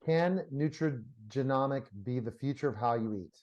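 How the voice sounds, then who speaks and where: Guy hosting an interview, mid-pitched, eager and affirming. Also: normal speed, a little mellow, dull audio. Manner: enthusiastic, affirming. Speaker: interview host. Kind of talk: interview questions.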